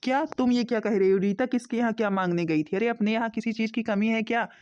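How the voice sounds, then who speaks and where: Brief: woman doing a soft, slow-talking cartoon father, high-pitched, dull lo-fi sound. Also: natural voice. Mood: soothing. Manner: slow, soothing and pleading. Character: gentle middle-aged father and husband. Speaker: father character.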